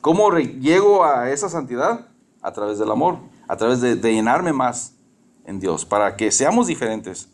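A man's voice: medium pitch, sing-song, moderate pace. A man in his fifties preaching a sermon in a conversational way, asking the congregation questions and dropping in English phrases. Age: 50s. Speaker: pastor.

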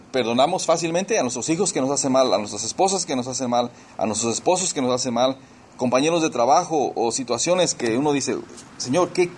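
A pastor delivers a sermon in a medium-pitched male voice, with a slight hiss or hum in the background. He works through scripture verse by verse, repeats key words for emphasis, and addresses his congregation directly as brothers and sisters.

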